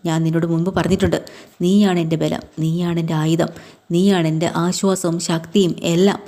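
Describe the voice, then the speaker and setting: Woman reading as a stern betrayed husband, lowish mellow voice, steady. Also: a little fast, close to an everyday voice. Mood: wounded. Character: wounded, stern husband who feels betrayed.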